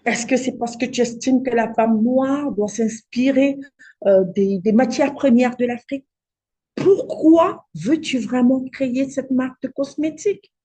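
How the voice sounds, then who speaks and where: A woman's voice: sits high, measured pace, dark tone, husky. Coaching woman asking rhetorical questions. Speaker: cosmetics business coach hosting a live challenge. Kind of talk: live online workshop talk.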